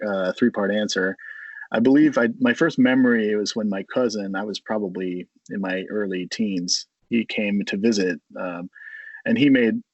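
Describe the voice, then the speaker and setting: Husky, gravelly American man. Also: on the low side, dry recording, lo-fi sound. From United States. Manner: friendly, rambling, with many fillers. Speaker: coffee company co-founder, guest. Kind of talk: casual interview.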